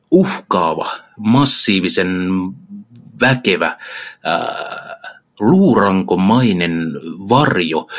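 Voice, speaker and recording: Deep-voiced man retelling an epic poem. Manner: enthusiastic, slangy, frequent filler sounds. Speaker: literature explainer.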